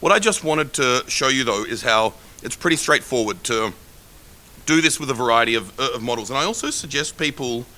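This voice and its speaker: Bright-voiced joking male instructor. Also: mid-range voice, lively intonation, a little fast. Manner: joking, casual, rambling asides. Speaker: workshop instructor. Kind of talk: live coding workshop lecture.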